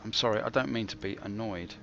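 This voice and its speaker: Man, game commentator, slightly deep, dry and self-mocking, digressive, faint background noise. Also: fast, gravelly, fairly bright tone, dull audio. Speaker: gaming video host. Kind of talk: rambling, comic game commentary.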